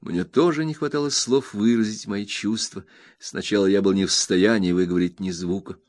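A man narrating a literary audiobook in an expressive storytelling manner. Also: lowish voice, fairly quick, no room sound.

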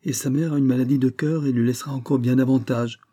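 A man reading an audiobook, voicing a chatty, gossipy wealthy society hostess with a confiding, emphatic manner and a husky voice. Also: mid-range voice, fairly even intonation, quick pace, mellow, natural voice.

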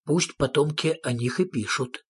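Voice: medium pitch, normal speed, husky. Moominpappa, a reader doing a boastful father troll. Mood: proud. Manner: proud, slightly defensive. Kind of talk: audiobook reading.

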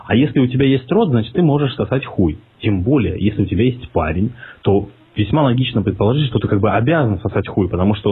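A man's voice: fairly low pitch, husky. A man making a prank phone call in a mocking, provocative way, swearing as he goes. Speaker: prank caller. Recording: tinny phone line.

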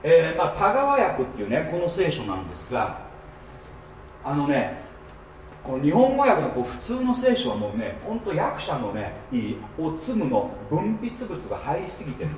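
A man preaching at a seminar, teaching with lively emphasis and often checking in with his listeners. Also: a little high, moderate pace, a little hiss or hum. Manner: animated teaching with frequent rhetorical checks. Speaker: pastor. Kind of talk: seminar sermon. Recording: echoey hall, mic at a distance.

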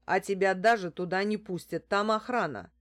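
A woman reading an audiobook, voicing an excitable, pushy male street hustler who shouts and haggles. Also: mid-range voice, moderate pace, close to an everyday voice. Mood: shouting.

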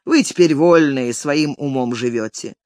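A reader voicing a stern, impatient male estate manager who scolds curtly in a lowered voice. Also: measured pace, a little mellow, dry recording, clean studio sound, lightly acted. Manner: curt, severe scolding. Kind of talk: audiobook character reading.

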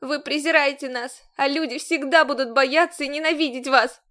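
Brief: woman reading a scared, defiant young heroine, audiobook, higher and urgent, tearful. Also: steady tone, normal speed, pushed and bright.

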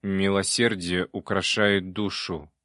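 Man voicing a preachy know-it-all, lecturing, unhurried, low, dry. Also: level tone, fairly bright tone, clear, resonant tone, dry recording. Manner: slow, sententious, lecturing. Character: preachy male know-it-all spirit companion. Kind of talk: audiobook character voice.

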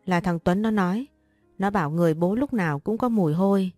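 A woman's voice: medium pitch, fairly quick, a little mellow, dry recording, faint music behind, lightly acted. Woman reading as a tearful young schoolgirl. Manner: plaintive, defiant. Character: tearful, stubborn schoolgirl of ten to twelve.

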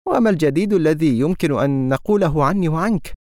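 A man's voice: on the high side, expressive, fast, darkish tone, no echo, studio quality, voice pushed up, natural voice. A man reading an audiobook, voicing a guarded, teasing young woman with a mocking manner. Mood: sarcastic. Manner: sarcastic, mocking.

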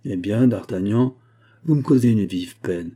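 A sly, composed churchman who speaks in measured, evasive sentences, low and dark in tone, as a man reads him aloud. The husky texture gives the calm lines a quiet weight. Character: sly, composed male bishop, hiding a plot. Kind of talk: audiobook character reading.

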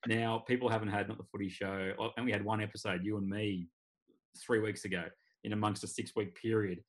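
A man's voice: fairly low pitch, fairly even intonation, a little fast. An Australian man hosting a casual sports podcast, talking in a wry, rambling way. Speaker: podcast host. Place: remote video call.

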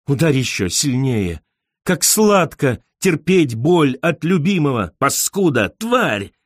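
A man doing the voice of a melodramatic young woman who pleads and wails, her voice jumping high and staying loud. The sound is dry and close, with no room around it. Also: sing-song, takes it slowly, no echo, exaggerated voice. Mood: frenzied. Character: hysterical theatrical young woman lover.

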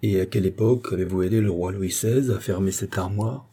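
Man voicing composed honest minister, measured questions, husky low voice. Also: dark tone. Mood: questioning.

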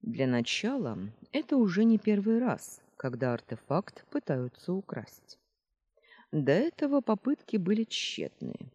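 A woman voicing a calm reasoning male dragon. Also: mid-range voice, slightly rough, muffled recording, voice pushed up. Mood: explaining. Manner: measured, explaining calmly. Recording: roomy reverb.

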